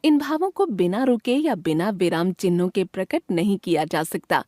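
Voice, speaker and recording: A woman reading a grammar lesson aloud from a textbook in a clear, measured way, voicing the example sentences with expression. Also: mid-range voice, lively intonation, a little mellow, no room sound, clean studio sound.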